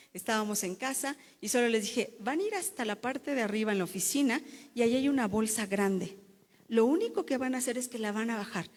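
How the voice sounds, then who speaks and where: A fairly high-voiced woman tells her testimony to a church congregation. She speaks emotionally, repeating and restarting words as she goes. Her voice carries a long reverb, like a church hall. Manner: emotional storytelling with repetitions and restarts. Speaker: pastor's wife giving testimony.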